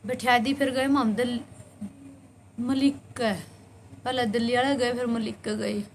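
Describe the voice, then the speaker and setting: A woman's voice: a little high, fairly even intonation, a little slow, a little hiss or hum. A woman with a Haryanvi accent telling a personal story in an earnest, rambling way, often repeating her phrases. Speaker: vlogger.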